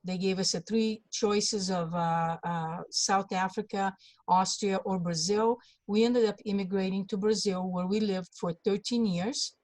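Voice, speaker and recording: A woman in her sixties, born in Hungary, telling her life story as an interview guest with many pauses and fillers. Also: medium pitch, steady tone, darkish tone, dry recording. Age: 60s. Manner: halting, many fillers and restarts. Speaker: guest, congressional candidate.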